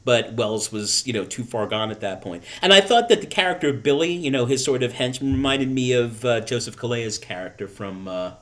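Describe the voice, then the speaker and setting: A man's voice: medium pitch, lively intonation, fairly quick, hardly any pauses, a bit bright. A man in casual conversation with friends, rambling through his thoughts and often restarting his sentences. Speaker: film discussion panelist. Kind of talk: casual film discussion.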